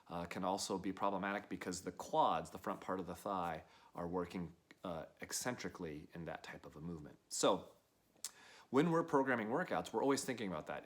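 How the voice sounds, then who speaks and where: A middle-aged man with a deep, low voice explains a health topic informally to the camera. He is a gym owner and coach who talks calmly and plainly, often pausing on filler sounds. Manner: calm, plain-spoken, frequent uh fillers.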